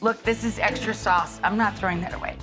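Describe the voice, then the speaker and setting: A woman's voice: medium pitch, fairly even intonation, brisk, music in the background. A middle-aged woman hosting a cooking show, chatting enthusiastically to viewers while she demonstrates a recipe in a studio kitchen.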